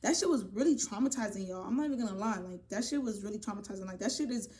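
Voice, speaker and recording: A young woman casually telling a personal story to her viewers, animated and profane, often calling them y'all. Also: medium pitch, rapid-fire. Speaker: vlogger. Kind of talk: storytime vlog.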